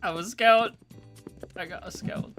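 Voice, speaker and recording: A man streaming a game, chatting casually, giggling and breaking into excited shouts. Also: high voice, unhurried, music in the background. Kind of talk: casual gaming stream chat.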